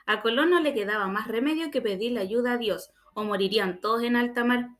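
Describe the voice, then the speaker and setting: A patient schoolteacher quizzes her distracted pupil in a storybook reading, voiced by a woman. She corrects him gently and keeps asking questions. Her voice sits a little high and bright. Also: fairly quick, close to an everyday voice.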